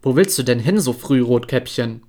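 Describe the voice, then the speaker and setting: A man's voice: mid-range voice, lively intonation, moderate pace, darkish tone, close to an everyday voice. Wicked wolf in a fairy tale, sly and coaxing, a guy reading it. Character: wicked, greedy male wolf.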